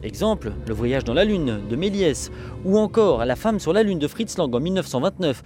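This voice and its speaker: A man's voice: a little high, sing-song, normal speed, a little mellow, faint music behind. A man giving scripted film-essay narration in a didactic, wryly humorous way.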